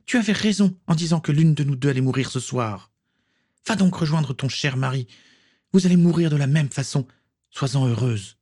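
A man putting on a cold, haughty witch who threatens with ease, her voice pitched high and slightly husky. She sounds lofty and cruel, an audiobook villainess. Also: moderate pace, darkish tone, lightly acted. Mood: haughty, threatening. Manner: haughty, menacing. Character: scheming cruel female dark witch. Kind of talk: audiobook character voice.

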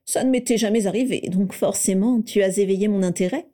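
A woman reading the lines of a smug, playful teenage boy wizard in a storybook reading, in a raised, mellow voice. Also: mid-range voice, fairly quick, natural voice. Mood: smug teasing. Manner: playful, self-satisfied.

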